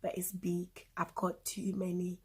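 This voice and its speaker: Talking to camera on her phone, this twenty-something Cameroonian-accented vlogger keeps her fairly low, breathy voice flat and unhurried. Her chat is informal, full of emphatic repetition.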